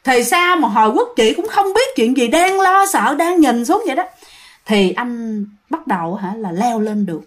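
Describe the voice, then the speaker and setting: A woman's voice: on the high side, big pitch swings, moderate pace. A woman with a Southern Vietnamese accent telling a ghost story in a chatty way, speaking to her listeners directly and repeating herself often. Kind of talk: casual spoken ghost story.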